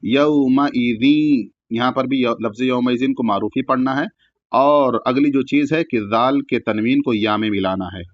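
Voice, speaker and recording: A man teaching Quran recitation, chanting each verse slowly with long drawn-out sounds and then explaining the rules quickly in plain speech. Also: medium pitch, no room sound, lo-fi sound.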